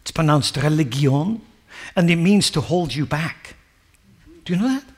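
Male pastor, emphatic sermon delivery, high and very animated voice, leans on rhetorical questions. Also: moderate pace. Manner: emphatic preaching, rising to near-shouts and dropping low; asks the congregation rhetorical questions.

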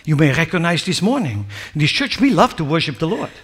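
A male pastor delivers a sermon with a high-pitched, swooping voice. He preaches emphatically and keeps turning to the congregation with rhetorical questions. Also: sing-song, a little fast, breathy edge. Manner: emphatic preaching, rising to near-shouts and dropping low.

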